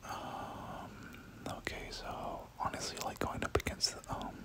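This slow ASMR game commentary comes from a gaming creator in a breathy whisper, with words repeated in quiet, rhythmic strings.

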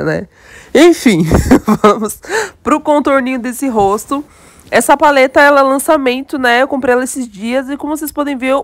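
The clip is studio quality with no echo: a young Brazilian beauty vlogger, her slightly high voice stuffy and nasal from a cold. She chats with enthusiasm to her viewers in a laid-back makeup tutorial, with a Brazilian Portuguese accent.

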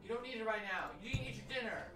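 A woman's voice: fairly high pitch, very fast, recorded from a distance, lightly acted. A woman doing a stern scolding mom. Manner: scolding, firm. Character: stern mother scolding her child. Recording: echoey, off-mic, with game music.

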